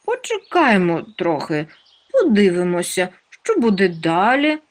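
A woman's voice: fairly low pitch, huge pitch swings, a little slow. A woman voicing a young, friendly male storybook creature with a cheerful, boastful manner. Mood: hopeful.

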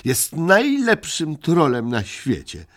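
A man's voice: on the high side, huge pitch swings, slow, voice pushed up, heavily acted. A man voicing a prim young female creature who speaks indignantly and scornfully.

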